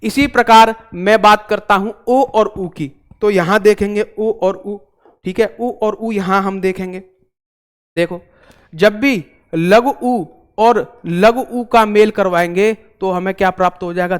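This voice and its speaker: Male online tutor, high clear voice, talkative and repetitive. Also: moderate pace. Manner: chatty, repeats himself, joking asides to viewers. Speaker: teacher. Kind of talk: online exam-prep class.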